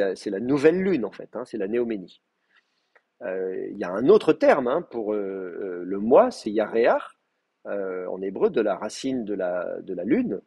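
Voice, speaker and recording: Man, teacher, husky voice, patient explaining, lots of hesitations, live class. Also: lowish voice, mellow. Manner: explains patiently, many fillers, checks with students.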